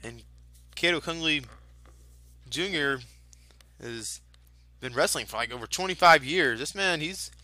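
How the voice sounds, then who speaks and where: Bright, high-pitched man calling lucha libre. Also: measured pace, pauses often, no echo. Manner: excitable announcer, exclaiming at moves. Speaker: wrestling commentator. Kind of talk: lucha libre match commentary, ad-libbed.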